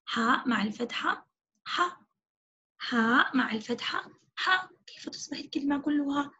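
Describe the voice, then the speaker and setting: A woman's voice: sits high, expressive, sharp tone. A woman teaching an online phonics lesson to young children, stretching out each sound and praising often. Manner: drawn-out syllable-by-syllable spelling with frequent praise. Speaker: kindergarten teacher. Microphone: video call. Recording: dull lo-fi video call audio.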